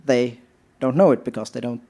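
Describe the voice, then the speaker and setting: A man's voice: mid-range voice, a little fast, creaky, mellow. A man in the audience politely asking a question at a live event.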